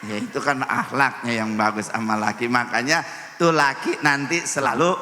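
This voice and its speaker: A man's voice: mid-range voice, normal speed, bright, forceful tone, a little hiss or hum. A middle-aged man gives a humorous sermon and acts out the voices he quotes. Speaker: preacher. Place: large hall at a religious celebration. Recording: echoey hall with long reverb.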